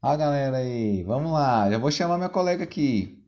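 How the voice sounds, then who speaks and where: A man's voice: mid-range voice, animated, brisk, dark tone, highs cut off. A man and fellow teacher hosting a live online class, informal and jokey, effusive in thanking his guest. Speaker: co-host teacher. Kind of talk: live stream host chat.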